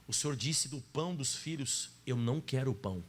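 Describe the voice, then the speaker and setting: A man's voice: mid-range voice, lively intonation, fairly quick, voice pushed down, lightly acted. A man with a Brazilian Portuguese accent voicing a humble, pleading mother begging for a crumb, in a sermon retelling. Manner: earnest, pleading.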